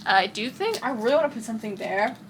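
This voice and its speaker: A woman's voice: on the high side, animated, fast talker, slight background noise, poor audio. A young woman from Texas with a light Texan accent, rambling in casual chat in her bedroom and often losing her train of thought. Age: young adult. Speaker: vlogger.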